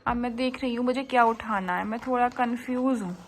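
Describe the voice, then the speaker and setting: A woman's voice: fairly high pitch, fairly quick. A woman voicing a cheerful, chatty baby girl, narrating a vlog in the first person in sweet, sing-song baby talk. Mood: playful.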